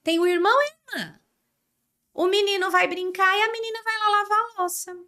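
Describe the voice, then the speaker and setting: On a chatty podcast interview, this emotional-education expert from Brazil speaks a little fast in a very high voice, her Brazilian Portuguese accent clear. Animated throughout, she acts out what parents and kids say.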